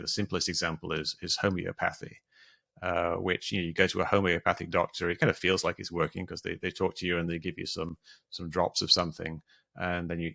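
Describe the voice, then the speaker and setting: A man with a deep voice full of fry explains things in a casual podcast interview. His tone is bright and forceful despite the low pitch. He talks at length, restarting phrases and filling pauses. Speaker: guest, debunker of conspiracy theories.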